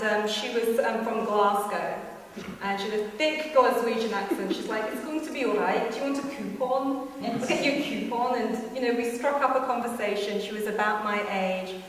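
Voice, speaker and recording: A woman's voice: medium pitch, a little hiss or hum. Woman storyteller, chatty with filler words, heard from afar in a big reverberant hall. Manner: chatty, many ums and likes, laughing asides. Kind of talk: personal storytelling to an audience. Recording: echoey hall from far off.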